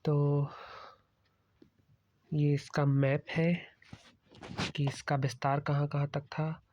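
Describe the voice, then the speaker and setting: A man's voice: fairly high pitch, level tone, slow pace, a little mellow. A man teaching exam prep by walking through slides. He explains steadily and mixes English terms into his Hindi. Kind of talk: slide-based lecture.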